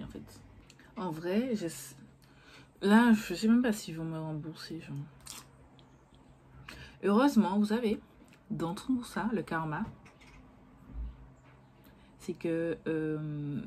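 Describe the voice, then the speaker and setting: A woman's voice: lowish voice, a little mellow, slightly rough. A young woman talking casually to her viewers about makeup, rambling and cursing freely when annoyed. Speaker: beauty vlogger. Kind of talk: casual chat to camera.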